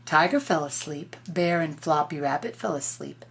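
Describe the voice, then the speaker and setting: With lively intonation and vocal fry, an older woman's deep voice moves at a moderate pace as she reads a picture book to a child. She's a grandmother, explaining gently and tossing in informal asides.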